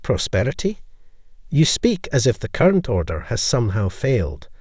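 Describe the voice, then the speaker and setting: A man reads a derisive tentacled male alien delegate in a sci-fi audio story. The voice is mellow and lively in pitch. The sound is dry and close. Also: moderate pace, slightly rough, dry recording. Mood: scornful.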